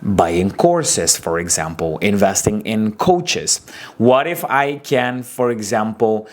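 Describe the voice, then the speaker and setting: A man in his twenties with an Aruban accent, a wedding photographer telling his story and giving business advice in a casual talking-head episode, animated and expressive. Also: slow pace. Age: 20s. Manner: animated, expressive storytelling with big pitch swings.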